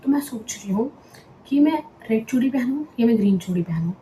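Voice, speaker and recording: A young woman vlogging casually as she packs at home at night, thinking aloud and often dropping to a hushed near-whisper. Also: on the high side, expressive, brisk, roomy sound, a little hiss or hum, rough recording. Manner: chatty, thinking aloud, mixing in English words. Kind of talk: casual packing vlog chat.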